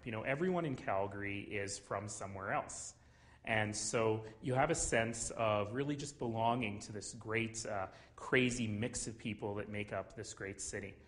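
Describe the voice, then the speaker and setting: A Canadian man in his forties speaks straight to camera from a small office, in a slightly low voice. He tells his stories earnestly, with an easy, conversational warmth. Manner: earnest, storytelling, warm chuckles. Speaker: city mayor. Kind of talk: personal talk to camera.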